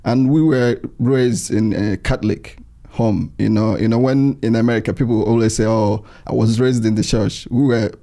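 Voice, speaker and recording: A man's voice: lowish voice, steady tone, normal speed, creaky, warm tone. A man from Nigeria, hosting an interview in a hesitant, conversational way. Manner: hesitant, many fillers. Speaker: podcast host.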